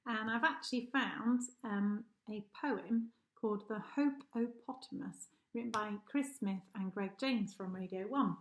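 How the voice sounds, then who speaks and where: A woman with a slightly high voice reads a rhyming children's story aloud expressively, as a teacher might speak to pupils. She keeps a measured pace with few pauses, and the room sounds echoey.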